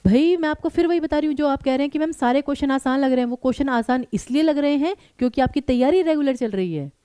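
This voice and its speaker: A woman teaching a live exam-prep class. Her voice is mellow and rather high, and it swings widely as she talks straight to her students. The recording is dry and close. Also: fast, dry recording. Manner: animated, addresses students directly.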